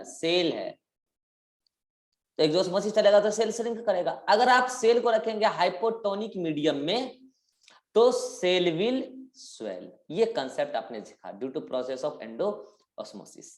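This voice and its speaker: A man teaching a biology class, quizzing his students and drawing out key words for emphasis. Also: on the high side. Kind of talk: live interactive class lecture. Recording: roomy echoing classroom.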